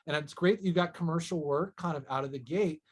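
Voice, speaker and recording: A man's voice: fairly high pitch, fast talker, slightly rough. A man hosting a promotional interview, upbeat and effusive, with long rambling compliments and questions. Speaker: interview host.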